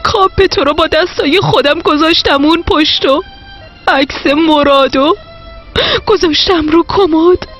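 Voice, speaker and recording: A guilt-stricken mother in a dubbed television drama, her voice pitched high and tearful with confession. Soft music runs faintly under her lines. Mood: grieving. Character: remorseful mother confronting her neglected son.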